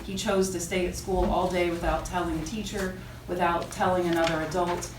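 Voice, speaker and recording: Brief: woman prosecutor, halting formal argument, courtroom recording, distant with clear background noise. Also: fairly low pitch, level tone. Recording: echoey courtroom, distant mic, room noise.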